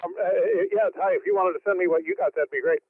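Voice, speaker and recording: Quick-talking man over noisy radio. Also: high-pitched, narrow, tinny audio. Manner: casual, many hesitant fillers. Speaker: net control operator. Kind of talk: ham radio chat.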